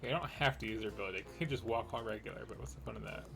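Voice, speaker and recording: A man's voice: on the low side, rapid-fire, creaky. A man giving casual commentary while playing a video game. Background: game music.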